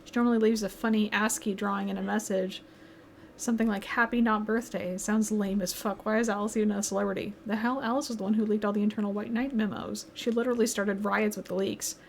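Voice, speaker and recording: A woman's voice: mid-range voice, fairly even intonation, quick pace, slight background noise. A woman streamer casually reading game text aloud and adding blunt, swearing asides. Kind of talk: casual livestream game commentary.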